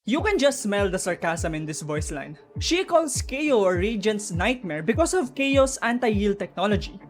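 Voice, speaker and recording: A woman explains game lore to viewers in an informal, conversational video, floating speculative ideas. Her mid-range voice swings widely in pitch at a moderate pace, over background music.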